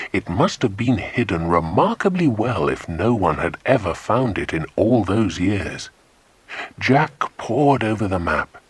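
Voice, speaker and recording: Close to a dry studio microphone, a man with a voice on the low side and a breathy edge tells a children's adventure story expressively. There's no room sound.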